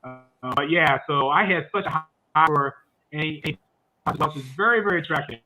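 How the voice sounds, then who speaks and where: A man's voice: on the high side, moderate pace, bright, forceful tone, faint music behind, low-quality recording. A man hosting a livestreamed movie review chat, rambling along with frequent fillers and restarts.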